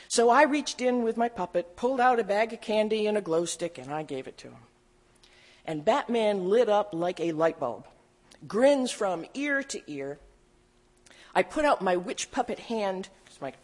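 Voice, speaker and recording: A middle-aged woman preaches from the pulpit, leading into her message with a personal story. Her delivery is relaxed and conversational, with touches of gentle humor, and her voice sits at a typical pitch for a woman. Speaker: pastor. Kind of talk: sermon.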